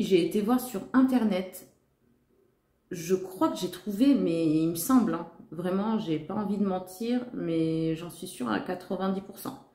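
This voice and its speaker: A woman with a warm, mid-range voice chats directly to her audience in a casual haul vlog. Full of gushing enthusiasm, she keeps saying "trop" and "magnifique." The recording sounds echoey.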